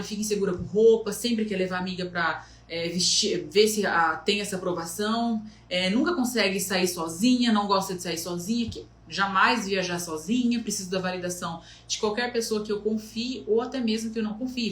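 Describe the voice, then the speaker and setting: A woman coach talks through self-esteem in a steady mid-range voice. She walks through her points one by one and slips into little quoted voices to illustrate them. The room around her rings with a noticeable echo. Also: medium pitch, brisk, hardly any pauses. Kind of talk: motivational talk. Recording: echoey room.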